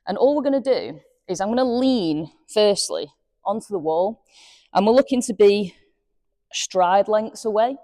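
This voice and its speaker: A woman's voice: medium pitch, dark tone, dry recording, studio quality. A woman, a golf fitness coach, talking through exercises step by step while demonstrating them, slightly out of breath.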